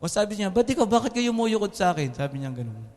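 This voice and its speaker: A young adult man with a Filipino accent preaching a lively, joking sermon as a pastor in an air-conditioned church hall, often asking the congregation "Amen?". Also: high-pitched, quick pace. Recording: long hall reverb in a church.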